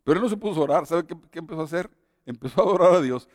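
A man's voice: a little high, expressive, very fast, no echo, studio quality, in a large hall. A man preaching a sermon and telling his own testimony, earnest and exhorting.

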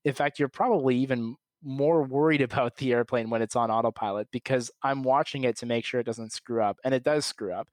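A young man, an airline pilot, calmly and methodically explaining his work in an interview. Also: medium pitch, fairly quick, few pauses, no room sound. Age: young adult. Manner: calm, methodical, plain explaining. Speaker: commercial airline pilot, podcast guest.

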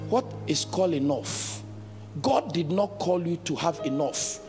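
A man's voice: on the high side, lively intonation, a little slow. A man preaching a sermon as a bishop, telling stories with laughs and call-outs to the congregation. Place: large church hall. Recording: long church reverb, faint music.

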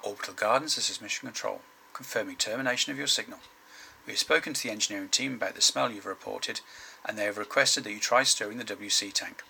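A formal mission control radio operator, as a man voices him, heard as a distant sci-fi transmission. His low voice is gravelly and piercingly bright, and he keeps to clipped radio procedure. Faint noise hangs behind him. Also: quick pace, exaggerated voice.

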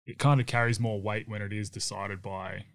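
Lowish-voiced man talking sport. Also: little pitch movement, normal speed, no room sound, studio quality. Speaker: basketball show co-host and analyst. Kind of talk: casual sports discussion.

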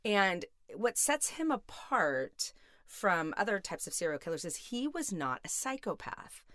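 A woman's voice: medium pitch, very animated, unhurried, fairly bright tone, no echo, studio quality. A middle-aged woman speaking as an expert guest, explaining things conversationally in an interview. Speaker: guest expert, criminal psychologist.

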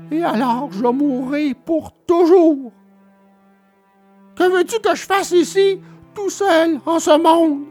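A woman voicing a tearful, impulsive wooden puppet boy in a storybook reading, with a high, pleading voice. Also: exaggerated voice.

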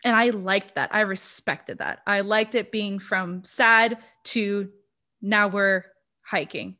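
This woman talks slowly, with a mid-range voice and a sharp tone. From Brazil and a first-language Portuguese speaker, she co-hosts a podcast where she casually reviews a horror movie, laughing often and leaning on fillers.

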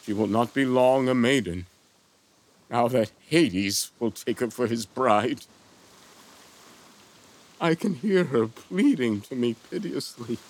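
A man's voice: mid-range voice, lively intonation, slow, long pauses. An actor playing an anguished king torn over his daughter, in a declamatory, grief-stricken stage delivery for an audio drama. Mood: brooding.

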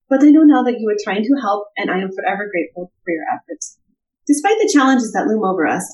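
A woman voicing an earnest young Vistani woman with a put-on accent, reading a letter in a formal, deliberate way. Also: medium pitch, natural voice, rough recording.

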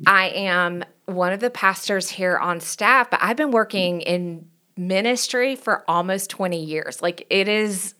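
With an unhurried, mid-range voice, this Southern-accented pastor from Knoxville, in her forties, co-hosts a podcast in a relaxed chat. She comes across as warm and sincere, wandering through her points and restarting often.

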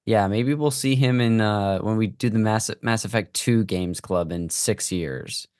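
A man with a slightly low voice hosts a casual podcast. He rambles playfully and builds things up with comic exaggeration. The recording is dry and close. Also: unhurried, a little mellow, no room sound. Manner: rambling, playfully hyperbolic introductions. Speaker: podcast host. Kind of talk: casual hosting banter.

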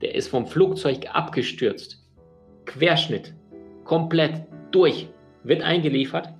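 A man with a gravelly, creaky voice at a middle pitch speaks straight to the listener in a motivational talk. He tells his examples earnestly, with plenty of fillers and restarts, and faint music plays behind him. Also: slow pace, muffled recording.

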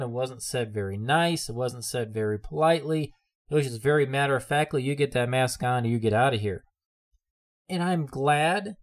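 A man preaching a sermon in an earnest way, often repeating his phrases for emphasis. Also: a little high.

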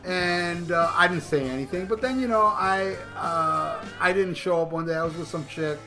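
A middle-aged man with a high voice hosts a podcast, speaking at a moderate pace. He tells a long, crude story casually, rambling and swearing, with stumbling restarts. Music plays clearly underneath him.

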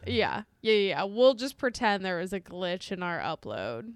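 A woman's voice: mid-range voice, big pitch swings, moderate pace, dry recording, studio quality. A woman co-hosting a casual podcast, chatty, laughing often and swearing freely. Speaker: podcast co-host.

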